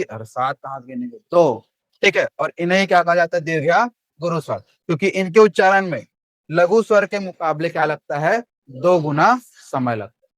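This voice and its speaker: A man's voice: high-pitched, fairly bright tone, no room sound. A young man teaching Hindi grammar in a classroom, with a Chhattisgarhi Hindi accent, who asks the class questions and answers them himself.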